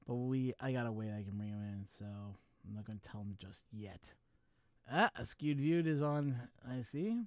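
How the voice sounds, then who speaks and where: A man's voice: mid-range voice, normal speed, no echo. Chatty man rambling on a live stream. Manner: rambling, chatty, talks to his viewers while fiddling with gear. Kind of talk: casual live stream chat. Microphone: wireless USB microphone.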